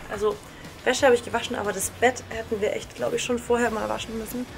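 A woman's voice: mid-range voice, creaky. A young woman vlogging casually to a handheld camera in an informal, chatty way, mixing in English slang. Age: young adult. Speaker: travel and food vlogger. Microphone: handheld camera at arm's length.

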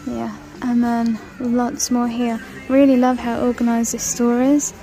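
A woman films herself on her phone while browsing a big retail store, chatting casually and reading off prices for her shop-with-me video. Her slightly high voice is mellow, level, and a bit slow, with soft background music and rough sound quality.

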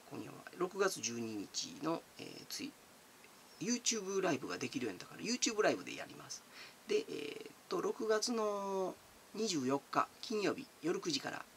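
A chatty man, answering viewer comments in a relaxed, giggly way. His voice sits fairly high and swings up and down a lot. There is a gravelly edge to it. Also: a little hiss or hum. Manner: chatty and giggly, calls himself by nickname. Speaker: channel host.

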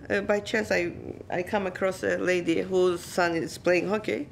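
A woman from Turkey with a Turkish accent, a Turkish native speaker, talking warmly and haltingly in a documentary interview. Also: fairly low pitch, steady tone, gravelly, a little hiss or hum. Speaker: hockey parent.

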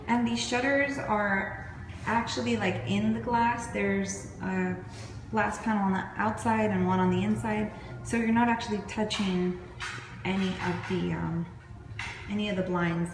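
A chatty, upbeat woman vlogging a tour of her unfinished house, speaking into a handheld camera. Her voice rings around the bare, echoey rooms, with clear room noise behind it. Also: mid-range voice, distant mic. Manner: chatty, upbeat, pointing things out. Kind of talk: casual home tour narration.

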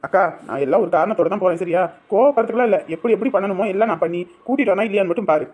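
A woman's voice: medium pitch, rapid-fire, darkish tone, husky, natural voice. A woman voicing a firm, determined young village man in a family drama. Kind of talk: Tamil family drama acting.

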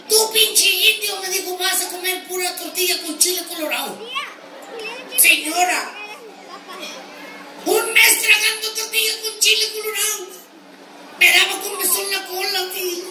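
Very high squeaky voice, Mexican accent, naive boastful ranch hand, roomy live venue, distant mic, crowd noise. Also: male voice. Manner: high squeaky voice, bawdy punchlines, shouted outbursts. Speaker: stand-up comedian in character. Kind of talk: live comic monologue.

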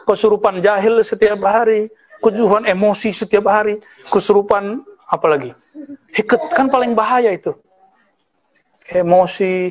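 A man in his thirties from West Sumatra, an Islamic preacher giving a conversational study lecture with Arabic terms and teasing asides. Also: high-pitched. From West Sumatra, Indonesia. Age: 30s.

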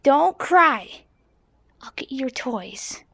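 A woman's voice: high voice, expressive, slow, creaky, a bit bright, husky, no echo, pitched below the performer's own voice, exaggerated voice. A woman voicing a doting young female hedgehog who coos and soothes in baby talk, in a plush toy video. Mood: soothing.

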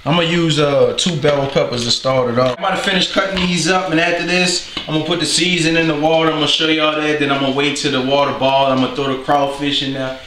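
A man's voice: a little high, steady tone, fast talker, hardly any pauses. A man from New Orleans with a New Orleans accent, casually chatting and joking with viewers while cooking in his home kitchen. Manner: slangy, rambling, joking to viewers. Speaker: cooking video host. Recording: echoey room with clear noise.

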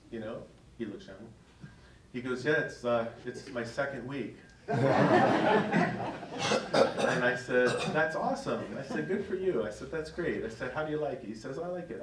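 A man's voice: on the low side, a little hiss or hum. A middle-aged man, a priest, telling a story to his parish in a conversational, chuckling way. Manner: conversational, chuckling as he tells stories. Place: church hall in front of an audience. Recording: echoey hall, distant mic.

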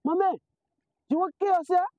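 Man playing high-pitched, scolding Liberian friend. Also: fairly even intonation, normal speed, highs cut off, music in the background. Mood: alarmed scolding. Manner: nagging, emphatic, repetitive. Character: scolding, meddling friend warning a sick man. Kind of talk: improvised outdoor comedy skit. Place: outdoors in a grassy yard. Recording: noisy outdoor sound, slightly distant.

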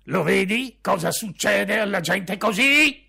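A man voicing a gruff, hot-tempered, scornful father who barks his lines loudly. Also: high voice, expressive, measured pace, voice pushed up, full character voice. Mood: shouting. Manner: loud, barking and contemptuous.

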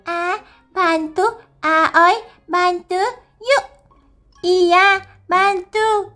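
A woman's voice: extremely high pitch, fairly even intonation, very slow, sharp tone, soft background music, pitched above the performer's own voice, full character voice. A woman voicing a small clingy toddler girl who babbles in broken short words. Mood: pleading.

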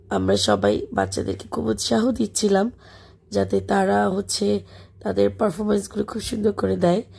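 Hoarse woman narrating a vlog voice-over. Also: mid-range voice. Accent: Bangladeshi. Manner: chatty, warm about the children, frequent fillers. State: hoarse, voice gone from illness. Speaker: schoolteacher and vlogger. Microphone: voice-over recorded separately.

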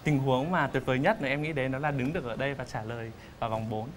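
A young man with a medium-pitched voice answers politely as a game show contestant. Noticeable studio noise sits behind his measured speech. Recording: noisy TV studio ambience.

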